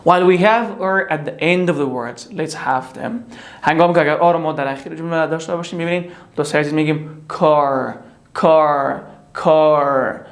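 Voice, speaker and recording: A pronunciation teacher, repeating each English word slowly two or three times in a drill lesson. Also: mid-range voice.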